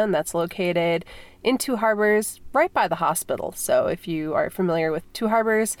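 A Minnesota woman in her thirties, congested from a cold, hosts a podcast with a somewhat low, stuffy voice. She chats casually and rambles, using plenty of filler words, and the recording is dry.

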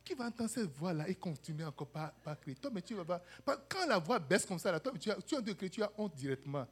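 Lively husky woman preacher. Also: fairly low pitch, fast, soft background music. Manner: animated, calls for "Amen" and "Alléluia", acts out quoted voices. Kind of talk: sermon.

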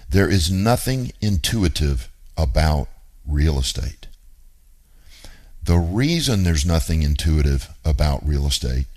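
Male radio host with a very low, slow delivery, blunt and emphatic, repeats his points. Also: a little mellow, husky. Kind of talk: teaching monologue on real estate investing.

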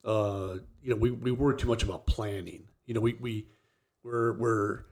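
A man co-hosting a podcast, a former soldier, talking casually in a searching, halting way with many restarts. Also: fairly low pitch. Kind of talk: casual chat.

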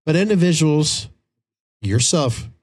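A man's voice: on the high side, animated, slow pace, darkish tone, slightly rough, no room sound, clean studio sound. A man co-hosting a podcast in casual banter, joking and swearing as he rambles. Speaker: podcast co-host.

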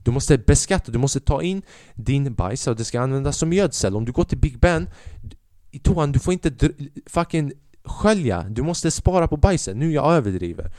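A young man hosting his own podcast, telling a comedy club story in a profane, animated way and acting out other people's voices. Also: medium pitch, no room sound, studio quality. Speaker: podcast host and stand-up comedian.

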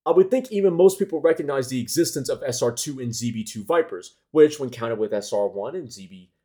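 Animated man reading his own essay. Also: medium pitch, a little fast. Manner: analytical, with small self-corrections. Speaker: car enthusiast essayist.

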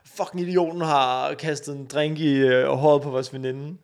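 A man's voice: medium pitch, fairly even intonation, a little mellow. A young man in his twenties with a Danish accent, co-hosting a podcast in casual chat, acting out voices as he tells stories and swearing freely. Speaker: podcast co-host. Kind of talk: casual chat, animated storytelling.

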